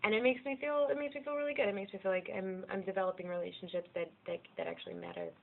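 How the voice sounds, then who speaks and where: A woman's voice: medium pitch, animated, rapid-fire. A young American woman talking candidly about her life in a rambling, self-deprecating way, swearing freely. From United States. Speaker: vlogger. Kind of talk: casual personal vlog monologue. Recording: tinny lo-fi narrow-band audio.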